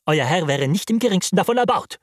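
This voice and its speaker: A man's voice: sits high, lively intonation, fast talker, dry recording, clean studio sound, voice pushed up. A man voicing a stern, proper middle-aged male lawyer who speaks in a reproachful, formal tone.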